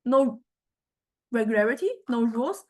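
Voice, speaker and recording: A lecturer, a woman whose voice runs somewhat high, walks through a relaxed software demonstration with animated energy. She pauses and stumbles, reasoning aloud as she hunts for the words she needs.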